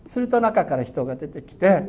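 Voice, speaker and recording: A man's voice: very animated, fairly quick, warm tone, slightly rough. A man preaching a sermon as a pastor, earnest and exhorting, his voice swelling on key words. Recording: dull lo-fi sound with faint rumble.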